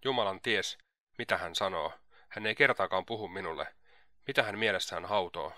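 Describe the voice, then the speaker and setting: A man's voice: deep voice, bright, forceful tone, dry recording, studio quality. A man reading the lines of an anxious, fretful aging mother in an audiobook. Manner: fretful, pleading.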